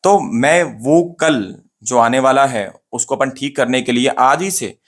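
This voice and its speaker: An English pronunciation teacher with a mid-range voice gives a casual spoken lesson to camera. He drills pronunciation slowly and repetitively, repeating words to model them and asking and answering his own questions.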